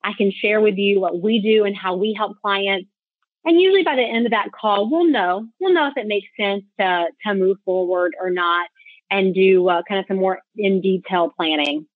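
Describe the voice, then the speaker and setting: A woman's voice: mid-range voice, lively intonation, normal speed, no echo. A woman financial advisor giving an informal webinar, talking conversationally and directly to her listeners. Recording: tinny phone-like line.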